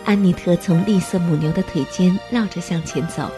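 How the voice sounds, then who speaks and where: A woman narrating a storybook in a gentle, even-paced reading voice. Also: lowish voice, normal speed. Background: faint music.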